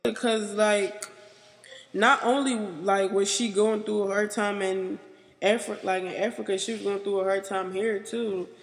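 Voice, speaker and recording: A young woman speaks haltingly about her life, her sentences stopping and restarting around a steady stream of "like." Her voice rings with a long reverb. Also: mid-range voice. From United States. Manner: halting and rambling, filled with "like". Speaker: interviewee. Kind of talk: personal interview.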